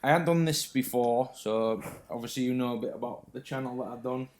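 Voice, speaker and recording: A man's voice: medium pitch, brisk, a little mellow. A young man from the UK, chatting casually and laughing easily as a fitness vlogger. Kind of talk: casual chat.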